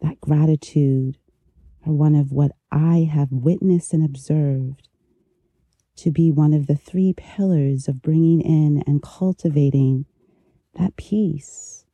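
A meditation teacher guiding relaxation gently, with a soft, intimate delivery right in the listener's ear. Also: medium pitch, steady tone, dry recording. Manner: slow, unhurried, gentle pauses. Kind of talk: guided meditation, soothing instruction.

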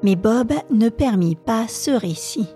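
A woman storyteller reading a classic novel aloud for a podcast in a calm, measured way. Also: a little high, faint music behind.

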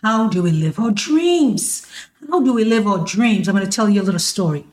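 A woman's voice: mid-range voice, expressive, moderate pace, darkish tone. A woman life coach hosting a motivational podcast, talking affectionately to listeners, laughing often and stretching words for emphasis. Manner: affectionate, calls listeners "my loves" and "baby". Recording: echoey room.

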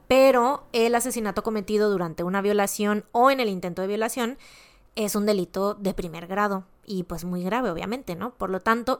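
A woman with a Mexican accent, casually recounting a true-crime case as a podcast co-host. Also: mid-range voice. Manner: chatty, slangy, recounting a case with asides.

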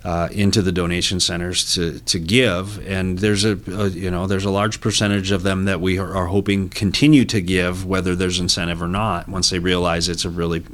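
Low-voiced earnest male executive. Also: little pitch movement, fairly bright tone. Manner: earnest, halting, with many restarts. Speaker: business executive guest. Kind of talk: interview talk.

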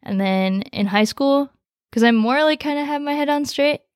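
A teenage girl, a high school senior who grew up in the United States, tells her story in a relaxed, rambling way with many fillers as a podcast guest. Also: moderate pace, no echo, studio quality. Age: teens. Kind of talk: casual conversation, personal story.

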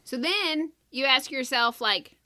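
A woman's voice: sits high, animated, takes it slowly, bright, forceful tone. A woman explaining a strategy in casual chat, step by step, with many "like" fillers.

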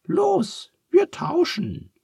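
A man voicing Charles, a small storybook companion with a squeaky, excited voice. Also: drawn-out words, gravelly, no room sound, studio quality, full character voice. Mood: eager.

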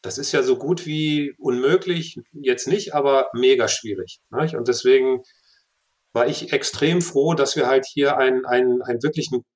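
A man's voice: mid-range voice, darkish tone. A man, a sales director, answering questions in a business interview, often restarting and repeating words as he thinks.

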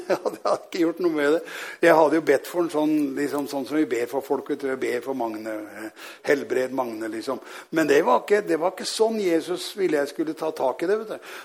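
A man preaching, telling a personal story with lively, fervent emphasis and frequent laughs. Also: on the high side, vocal fry. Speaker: pastor. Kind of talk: sermon testimony.

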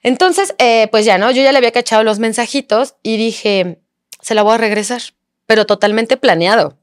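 A woman's voice: fairly high pitch, moderate pace, no room sound, studio quality. A young woman with a Mexican accent, a podcast guest frankly telling a personal story in conversation, using lots of slang.

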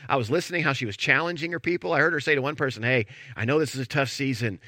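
A middle-aged man preaching a sermon as pastor, telling a story in a chatty, animated way. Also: mid-range voice, racing, dry recording. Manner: conversational storytelling with animated emphasis.

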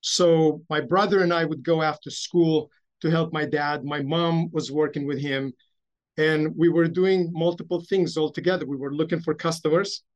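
A man in his fifties from Romania, a bank executive being interviewed, who tells his life story in a measured, anecdotal way with some self-deprecating humor. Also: a little high, steady tone, rough recording. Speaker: guest, investment bank CEO.

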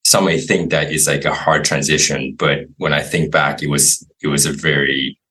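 A man from Taiwan with a very deep, husky voice that still has a bright, forceful edge. He tells his story as an interview guest, relaxed and rambling, with many fillers. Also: normal speed, poor audio. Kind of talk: casual interview.

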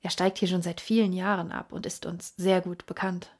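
A woman reading an audiobook, voicing a polite, obliging male hotel desk clerk with a husky voice. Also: lowish voice, flat delivery, moderate pace, a little mellow.

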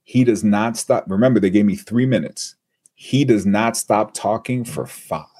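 Husky-voiced male guest, animated raconteur acting out quotes. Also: lowish voice, normal speed. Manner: animated storyteller who acts out quotes. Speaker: guest, TV and radio personality. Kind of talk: storytelling in a podcast interview.

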